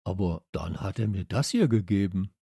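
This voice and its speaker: A man's voice: low voice, animated, normal speed, vocal fry, warm tone, slightly rough, no echo, studio quality, full character voice. A man voicing a good-natured schoolboy in a children's audiobook, talking in loose street slang. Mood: casual.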